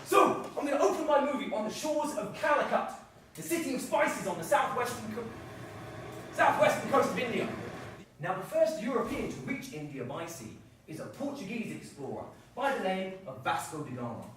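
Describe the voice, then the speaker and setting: A man's voice: sits high, very animated, normal speed, background noise. A man performing a live solo comedy show, telling his story in a mock-earnest way. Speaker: stand-up performer. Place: theatre stage. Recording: echoey stage, far-off mic.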